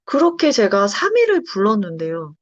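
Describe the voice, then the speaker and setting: A woman's voice: mid-range voice, huge pitch swings, normal speed, dry recording. A pastor's wife telling her personal faith testimony in conversation, telling the story expressively and acting out the lines of the people in it. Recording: dull dry lo-fi sound.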